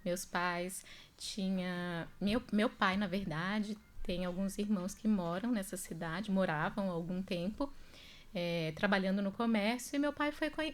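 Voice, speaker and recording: Earnest woman nurse on radio. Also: medium pitch. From Brazil. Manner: earnest, measured storytelling. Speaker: nurse, guest expert. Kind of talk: radio interview. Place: radio studio. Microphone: studio microphone.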